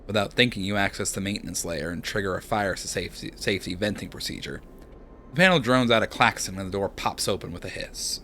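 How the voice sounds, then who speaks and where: Low-voiced man narrating a game. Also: a little fast, a little hiss or hum. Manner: hushed, dramatic narration. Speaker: streamer. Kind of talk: dramatic reading of a narrative game with chat.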